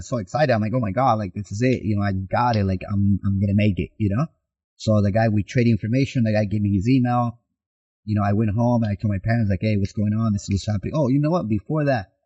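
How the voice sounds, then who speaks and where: On a podcast, a man from Mexico who coaches soccer tells his life story, vividly performing remembered dialogue as he goes. He speaks in a lowish, husky voice, and the recording has its highs cut off.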